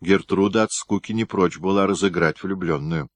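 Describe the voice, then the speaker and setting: A man narrating an audiobook in an expressive storytelling manner. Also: low-pitched, normal speed, no echo. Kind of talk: scripted narration.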